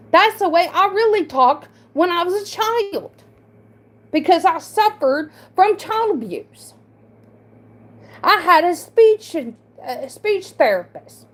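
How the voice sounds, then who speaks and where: A woman with a very high-pitched voice livestreams an emotional monologue. She sounds defensive and halting, with a slight speech impediment, repeating and restarting words.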